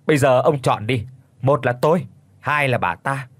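A man voicing a shrill, spiteful middle-aged daughter-in-law in an audiobook, hissing and scornful. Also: big pitch swings, normal speed, no echo. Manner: hisses and shrieks, scornful.

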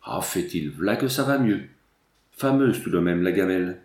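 A man voicing a loud, jovial young country soldier who talks bluntly and boisterously. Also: expressive, normal speed, reverberant. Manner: boisterous, booming country talk.

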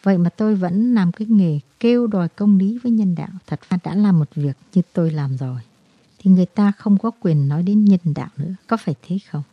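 A woman voicing a guilt-ridden, despairing man who confesses in a halting, brooding way, in a storybook reading. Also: lowish voice, slightly rough, dry recording, highs cut off.

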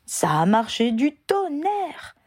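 A woman voicing a lively young female auror in an audiobook, with eager, animated delivery and a raised voice. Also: fairly low pitch, moderate pace, dry recording, studio quality.

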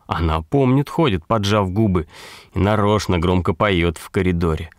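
A man's voice: low voice, normal speed, no room sound, clean studio sound. A man reading a story aloud as an audiobook narrator, with a wry, ironic delivery. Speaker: audiobook reader.

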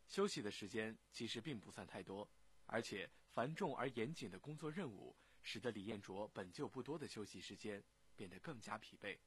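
Guy narrating a radio feature, super husky voice, really lively intonation. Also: on the low side, dry recording. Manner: formal broadcast delivery. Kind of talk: scripted narration.

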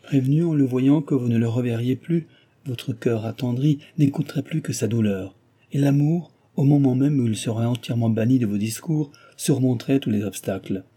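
A man's voice: mid-range voice, moderate pace, dark tone, breathy edge, close to an everyday voice. A man reading aloud and voicing a stern, dignified older noblewoman who argues earnestly and persuasively.

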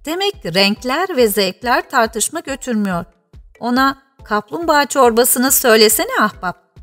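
A woman voicing a brisk, bossy gryphon who talks loudly and commandingly. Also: on the high side, animated, soft background music.

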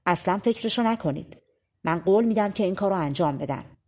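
A woman's voice: mid-range voice, lively intonation, darkish tone, close to an everyday voice. A woman voicing a young man in a storybook reading, talking in a reproachful way. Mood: confident. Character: young man, hurt and betrayed brother.

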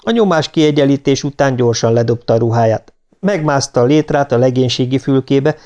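A man narrating an audiobook in an even, measured storytelling manner. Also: mid-range voice, lo-fi sound.

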